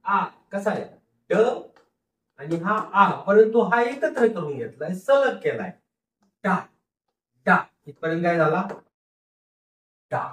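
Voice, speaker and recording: A man teaching a phonics lesson, sounding out words syllable by syllable, repeating them and answering his own questions. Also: high-pitched. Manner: asks the class questions and answers them himself. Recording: roomy echo, mic far off.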